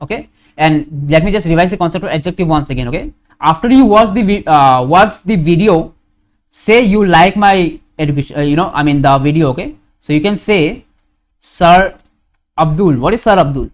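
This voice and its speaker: A man's voice: fairly high pitch, expressive, normal speed. A man teaching a grammar lesson, putting questions to his students and answering them himself, often stopping to correct himself and saying "okay.". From India.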